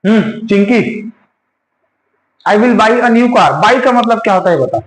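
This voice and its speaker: Slow and expressive, this high-pitched male teacher delivers a grammar lesson in a classroom with a roomy echo. Again and again he quizzes his students with repeated questions.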